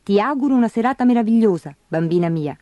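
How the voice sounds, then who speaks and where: A woman's voice: mid-range voice, expressive, quick pace, dark tone, dry recording, lightly acted. A woman doing a fond, flustered fairy godmother. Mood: tender. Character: kindly magical fairy godmother, female, old.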